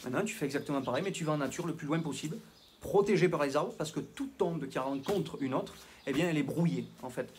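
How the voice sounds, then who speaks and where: A man's voice: fairly high pitch, fast, slight background noise. A man with a southwestern French accent, a health coach talking to camera in a rambling, self-mocking, digressive way. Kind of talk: casual talking-head monologue.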